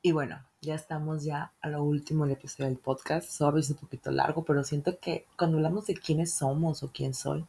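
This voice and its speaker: Woman, northern Mexican accent, young adult, solo podcast host, casual slangy chat, gravelly fry. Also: low-pitched, fairly even intonation, a little fast, few pauses, mellow, slight background noise. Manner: chatty, slangy, swears freely.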